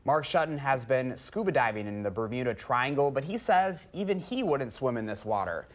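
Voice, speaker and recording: A man's voice: medium pitch, sing-song, normal speed. A male morning news anchor reading stories and joking with co-hosts. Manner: punning, jokey in banter.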